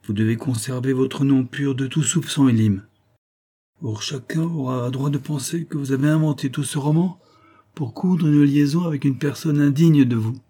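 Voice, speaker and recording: A storybook's stern ship captain, fatherly yet severe, as a male narrator puts him on. He speaks slowly and gravely in a dark, husky voice. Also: medium pitch, steady tone, voice pushed up, lightly acted. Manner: measured, stern.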